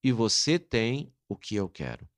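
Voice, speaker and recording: A man quoting a rich, childless traveling salesman who calmly bargains in a story he retells. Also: fairly low pitch, unhurried, pitched below the performer's own voice. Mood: bargaining.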